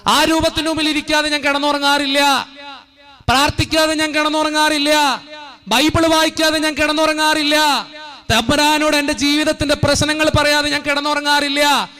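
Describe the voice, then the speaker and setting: Fervent priest preaching, high voice. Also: male voice, little pitch movement, moderate pace, sharp tone. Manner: storytelling, rising to fervent repeated appeals. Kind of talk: sermon. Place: church courtyard.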